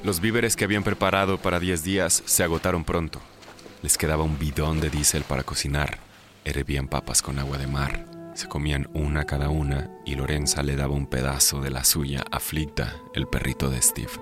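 Man with a very deep narrating voice. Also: level tone, brisk, music in the background. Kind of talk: scripted documentary narration.

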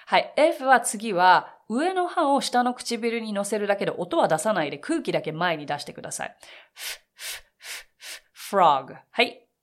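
A woman teaching English phonics, modelling each word slowly and drilling single letter sounds for the listener to repeat. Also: mid-range voice, lively intonation. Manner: slow, exaggerated model words, crisp sounds.

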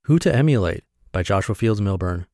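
A man from Montana, reading his reflective essays aloud in a measured, deliberate way. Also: on the low side, animated, darkish tone, soft background music. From Montana, USA.

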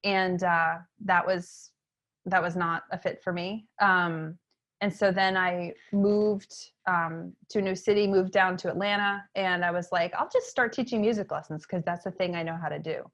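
In a relaxed interview, a woman in her thirties who is an entrepreneur from Maine, USA, shares stories as a guest. Her voice has a fairly low pitch at normal speed, and her chatty delivery is full of fillers and lively emphasis.

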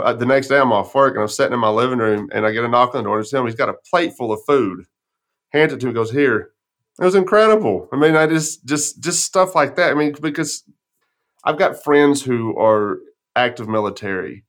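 A man's voice: medium pitch, fairly bright tone. A man with a folksy West Texas twang, talking casually and telling personal stories as a podcast host. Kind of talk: casual conversation, personal storytelling.

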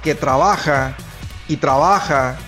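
A man's voice: fairly high pitch, takes it slowly, fairly bright tone, soft background music. Teacherly male finance expert. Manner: rhetorical, teacherly. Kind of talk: explaining to an audience.

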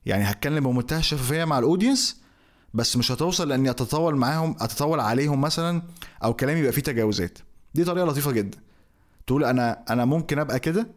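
A young man with an Egyptian Arabic accent teaching marketing in a conversational way, asking himself questions as he goes. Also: medium pitch. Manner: conversational, explains with rhetorical questions. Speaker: marketing instructor. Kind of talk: educational talk to camera.

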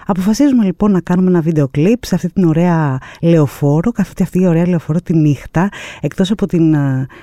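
A woman guest, a producer, telling an anecdote in a lively, expressive way with many fillers and pauses. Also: on the low side, no echo, studio quality. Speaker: producer and artistic director, guest. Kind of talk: animated storytelling anecdote.

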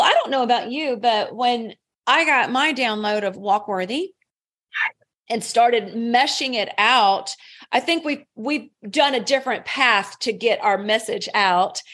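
A woman's voice: a little high, fairly bright tone. A woman hosting her podcast, responding and sharing her own story in casual faith-based conversation with playful asides. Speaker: podcast host.

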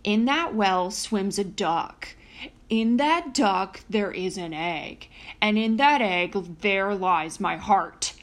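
A woman plays a huge, gruff storybook giant. He blusters loudly and draws his words out slowly, exclaiming as he scolds and confides. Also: mid-range voice, lightly acted. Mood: confiding.

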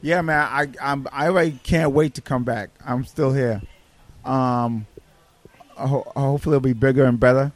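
A man's voice: medium pitch, moderate pace. A man from Brooklyn with a New York accent, chatting as a guest comedian on a podcast and restarting his sentences often. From Brooklyn, United States. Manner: animated, stumbling restarts. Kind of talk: casual podcast chat.

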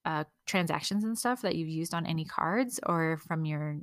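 A woman's voice: low voice, moderate pace, dry recording, studio quality. A woman in her thirties, a mother of several kids, hosting a casual solo podcast and sharing practical tips in a chatty way with small laughs. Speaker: podcast host.

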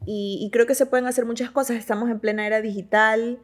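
A woman's voice: fairly high pitch, fast talker. A woman with an Ecuadorian Spanish accent, chatting expressively as an interview guest, often restarting her sentences. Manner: expressive, talks with many restarts. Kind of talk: casual interview chat.

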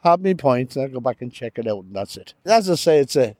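An older-sounding Irish man chatting casually in an interview in a halting, rambling way. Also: medium pitch, big pitch swings, a little mellow, no echo, studio quality. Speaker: street interviewee, bettor. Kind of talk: casual chat.

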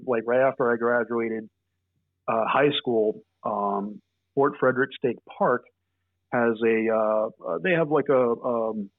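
A young man, a podcast guest, telling stories in a halting, rambling way with many restarts. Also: medium pitch, no echo, phone-quality sound. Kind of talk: casual storytelling.

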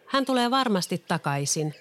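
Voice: sing-song, a bit bright, a little hiss or hum. A reader voicing a brave, earnest little girl in a storybook. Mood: urgent. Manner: high, eager childlike delivery. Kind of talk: storybook reading.

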